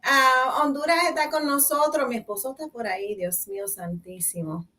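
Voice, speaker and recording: A woman hosts a talk show in a slightly high voice, playful and emphatic as she moves between Spanish and English. She sounds a little distant from the mic. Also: normal speed, sharp tone. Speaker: host. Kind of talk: casual bilingual talk show chat.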